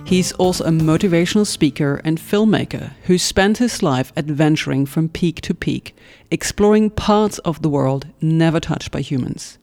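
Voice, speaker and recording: A woman's voice: low-pitched, moderate pace, darkish tone, soft background music. A woman co-hosting a podcast, reading a scripted introduction and asking the guest questions. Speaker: podcast co-host.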